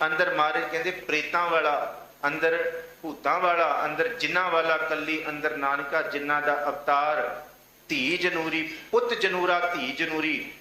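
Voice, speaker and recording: A man preaching and explaining scripture verses, reciting quotations slowly between his explanations. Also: on the high side, bright, forceful tone. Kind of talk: religious discourse. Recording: echoey room with faint noise.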